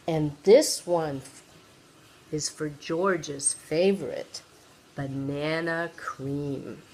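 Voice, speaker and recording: An older woman, a sweet grandmother, reading a children's picture book aloud and gently engaging the young listener. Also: lowish voice, a little hiss or hum, poor audio. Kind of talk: read-aloud children's storytelling.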